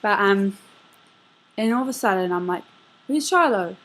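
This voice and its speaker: A woman's voice: medium pitch, normal speed, poor audio. A young woman in a casual video message, rambling through a dream story with lots of "like" and fillers. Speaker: vlogger.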